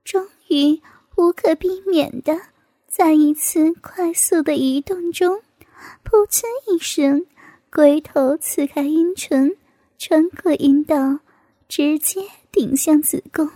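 A woman narrates a story in a slow, hushed whisper. Her voice sits high and mellow, close to the mic in a dry space. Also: steady tone, no room sound.

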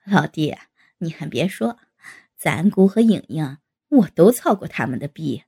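A woman voicing a sly, flirting married man in a storybook reading, with a husky, gravelly lowered voice. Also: big pitch swings, unhurried, warm tone, exaggerated voice.

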